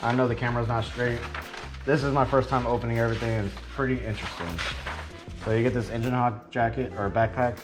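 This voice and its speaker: A man's voice: mid-range voice, little pitch movement, fast talker. A tired, slightly out-of-breath man casually rambling to his viewers as he unboxes and reviews a product. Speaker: vlogger. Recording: echoey room with background music.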